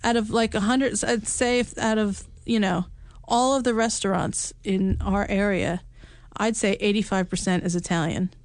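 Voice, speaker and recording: A woman's voice: mid-range voice, steady tone, normal speed, no echo. A middle-aged woman co-hosting a casual podcast chat, talkative, laughing often and restarting sentences. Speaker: podcast co-host. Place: home in upstate New York.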